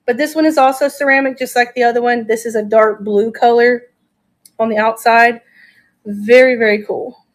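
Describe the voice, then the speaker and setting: A woman's voice: on the high side, fairly even intonation, normal speed. A woman hosting a casual live-stream auction, chatting enthusiastically and thinking aloud as she shows each item.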